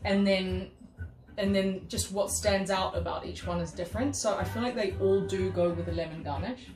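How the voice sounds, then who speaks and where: A woman's voice: mid-range voice, fairly even intonation, moderate pace. A woman with a British accent hosting a casual gin tasting, enthusiastic and chatty. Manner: enthusiastic, chatty, laughs often. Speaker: host. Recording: roomy sound with music playing behind.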